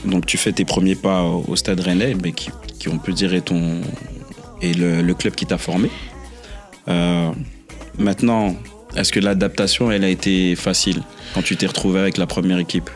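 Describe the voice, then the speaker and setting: A man's voice: deep voice, steady tone, normal speed, faint music behind. A man hosting a football podcast, asking structured questions and giving short acknowledgements. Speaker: podcast host. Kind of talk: interviewer questions.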